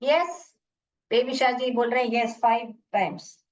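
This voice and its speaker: Slow, distant woman teaching phonics. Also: fairly high pitch. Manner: explains step by step, sounding words out slowly; mixes Hindi with English teaching phrases. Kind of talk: phonics lesson to parents or teachers. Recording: muffled, distant from the mic.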